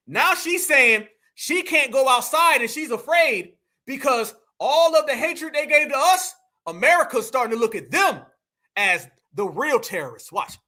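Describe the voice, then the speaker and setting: A man hosting a political commentary livestream, with a very high, bright voice. He talks in a combative, preachy way and keeps calling on the chat as family. His tone is sharp and mocking. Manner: combative, preachy, addresses the audience as family and y'all. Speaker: livestream host.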